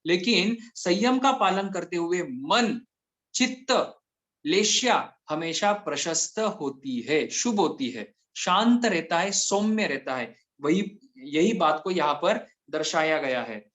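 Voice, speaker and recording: A man giving a Jain scripture discourse, explaining terms slowly and repeating key words. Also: high voice, lively intonation, a bit bright.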